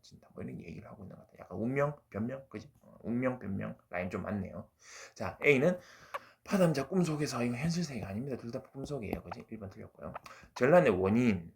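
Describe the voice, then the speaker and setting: Fast, gravelly low-voiced male lecturer. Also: lively intonation. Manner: chatty, keeps asking "right?" and drops into slang. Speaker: Korean literature lecturer. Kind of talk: casual exam-prep lecture.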